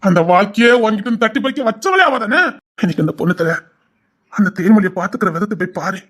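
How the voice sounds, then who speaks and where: A man's voice: sits high, expressive, fast talker, a bit bright. An actor with a Tirunelveli Tamil accent playing a stern, remorseful older father who scolds and then pleads with his daughter. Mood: pleading.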